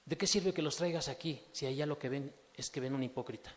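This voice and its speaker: A male pastor preaching to his congregation, emphatic, full of rhetorical questions, swinging from hushed to loud. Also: a little high, brisk. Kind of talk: sermon. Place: church hall. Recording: reverberant church hall.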